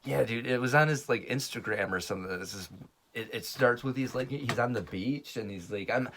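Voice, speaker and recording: A man hosting a casual podcast, loose and quick to laugh, swearing casually. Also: mid-range voice, background noise. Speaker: podcast host. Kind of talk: casual chat, movie review.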